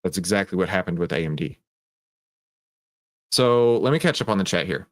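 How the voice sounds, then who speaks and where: A low-pitched, animated man hosts a live stream about stock trading at a moderate pace, casually commenting on the market and chatting with viewers. He tends to end statements with "right?", explains emphatically, and raises questions only to answer them himself.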